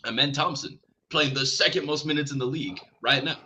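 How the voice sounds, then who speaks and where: A man co-hosting a casual sports podcast, talking in an animated way, with restarts and self-deprecating asides. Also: medium pitch, fairly quick, slightly rough, low-quality recording. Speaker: podcast co-host.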